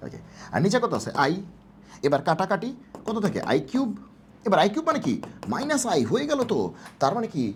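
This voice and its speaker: A math tutor gives a casual exam-prep lecture, asking and answering their own quick questions in a coaxing tone. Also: medium pitch, slight background noise. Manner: casual, coaxing teacher talk.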